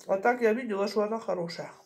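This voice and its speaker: A middle-aged woman chatting casually in short phrases with pauses as she eats, chewing while she talks, recorded in a home kitchen. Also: medium pitch. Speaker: mukbang vlogger. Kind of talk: casual chat while eating. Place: small home kitchen, indoors. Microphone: camera on the table at arm's length.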